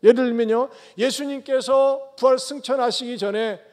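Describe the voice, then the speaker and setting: A man preaching a sermon as pastor, tossing rhetorical questions at the congregation and swinging between loud calls and soft low asides. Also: fairly even intonation, moderate pace. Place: church sanctuary. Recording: long church hall reverb.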